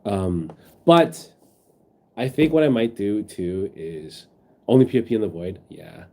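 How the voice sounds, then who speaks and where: A man's voice: fairly low pitch, sing-song, unhurried, a little mellow. Sick, sniffly man chatting on stream. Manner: rambling, reads chat aloud, many fillers. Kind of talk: casual chat with viewers. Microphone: phone.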